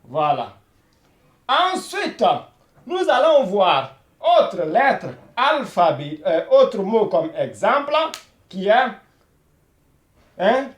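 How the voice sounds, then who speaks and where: A man teaching a beginner Arabic lesson who repeats each word slowly and keeps saying "voilà". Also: sits high, sing-song, roomy sound. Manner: repeats words slowly, many "voilà" fillers.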